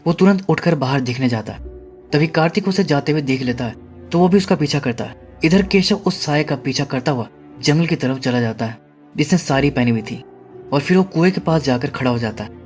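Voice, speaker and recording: Higher-voiced man narrating a movie recap. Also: brisk, soft background music. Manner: steady storytelling, paraphrasing dialogue. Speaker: movie explainer.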